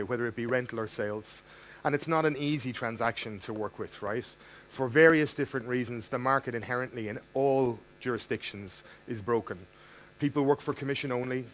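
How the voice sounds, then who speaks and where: A man with an Irish accent giving a live startup pitch at a demo night, earnest and with fillers. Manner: earnest, with fillers and mic checks.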